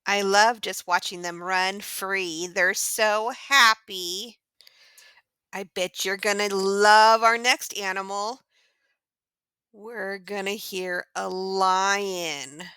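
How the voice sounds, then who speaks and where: Woman voicing a sweet male pixie pig, kids' lesson host, encouraging, gushing, unhurried, dry close recording. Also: medium pitch, fairly even intonation, pushed and bright, clear, resonant tone, dry recording. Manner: gushing, encouraging, asks kids to join in. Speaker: children's show host. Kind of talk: addressing young children in a farm-sounds lesson.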